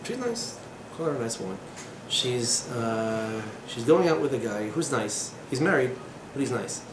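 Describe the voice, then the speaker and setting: His mid-range voice swings widely in pitch, and he talks a little slowly. This man in his thirties is teaching a class in a small room, lecturing informally with digressions, fillers and sardonic humor, in an echoey recording with background noise.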